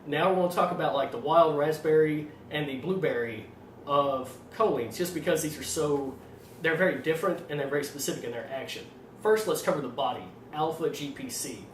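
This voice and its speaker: A man with an Arkansas accent explaining things informally as a trainer, in a fairly monotone voice with a slight tendency to stutter. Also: a little high, brisk. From Arkansas, United States. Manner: self-described monotone delivery. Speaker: fitness trainer presenting supplement advice. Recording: roomy echo, distant mic, faint noise.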